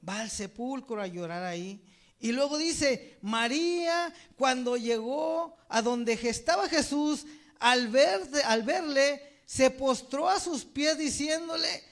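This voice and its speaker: A man with a very high-pitched, fairly bright voice preaches a sermon, reading scripture aloud and then posing rhetorical questions to the congregation. He calls his listeners brother and fills his speech with "right?" tags.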